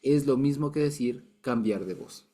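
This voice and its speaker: Mellow-voiced man teaching Bible. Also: mid-range voice, moderate pace. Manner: explains patiently, with frequent restarts and light chuckles. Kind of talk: casual Bible lesson.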